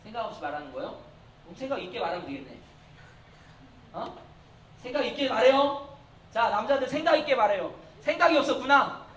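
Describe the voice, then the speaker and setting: A man's voice: very high voice, animated, a little fast, pauses often, fairly bright tone. A young man, a youth pastor, preaching to middle schoolers in a coaxing, playful way and often raising his voice for emphasis. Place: church hall. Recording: echoey hall from far off, faint noise.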